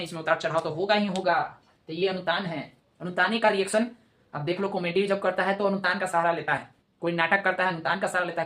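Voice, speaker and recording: A teacher talks through a grammar lesson at a brisk clip, posing rhetorical questions and answering them at once. Key terms come back again and again for emphasis. The voice carries a noticeable room echo. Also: medium pitch, a bit bright. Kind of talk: online Hindi grammar lesson.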